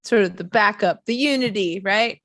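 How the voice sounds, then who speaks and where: A woman's voice: mid-range voice, fairly bright tone. A woman co-writer giving chatty, encouraging feedback on vocal takes in a casual studio session. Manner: encouraging, chatty, quick to explain. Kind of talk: casual studio work talk.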